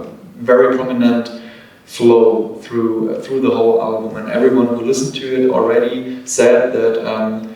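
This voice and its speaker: A man speaking English as a guest at a festival talk, measured and steady with frequent fillers. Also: medium pitch. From Germany. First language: German. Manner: measured, flat delivery with fillers. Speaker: band member, guest. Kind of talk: casual panel interview. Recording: echoey hall, distant mic.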